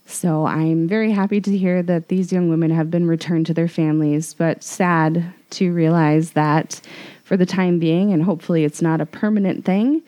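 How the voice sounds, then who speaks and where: Mellow, lowish-voiced woman co-host. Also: fairly even intonation, normal speed. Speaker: podcast co-host. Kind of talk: news segment told conversationally.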